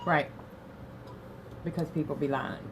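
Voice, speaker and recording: Female co-host, lowish voice, sassy, heard from a distance off-mic. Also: fairly even intonation, a little slow, noisy background. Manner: teasing and sassy. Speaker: co-host reading scripture. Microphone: off-mic, farther than the host.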